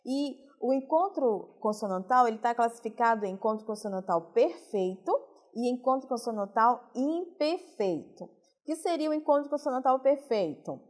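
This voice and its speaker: A woman teacher from Brazil, giving a recorded lesson and explaining slowly, stressing each example word. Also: on the high side, expressive, darkish tone. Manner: slow, deliberate explaining, stressing example words. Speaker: Portuguese teacher.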